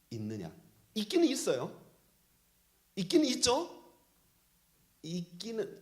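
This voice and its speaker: A pastor preaching a sermon with emphatic delivery that swings from loud calls down to soft near-whispers. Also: male voice, sits high.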